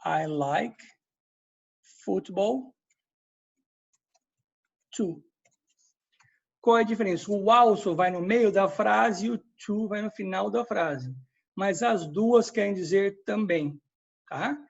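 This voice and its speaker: Brazilian-Portuguese-speaking man teaching English slowly. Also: high voice, gravelly, dull audio. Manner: explains step by step, checks in with students. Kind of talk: recorded class review lesson.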